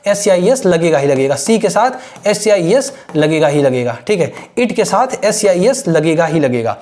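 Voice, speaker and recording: This English teacher for exam aspirants has a high, sing-song, slightly mellow voice at a moderate pace. He walks through grammar step by step in a Hindi-English lecture, constantly asking his students "right?".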